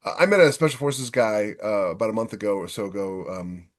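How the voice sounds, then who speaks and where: As a podcast co-host, a man keeps things casual and conversational. His voice is lowish, with lively intonation and a brisk pace.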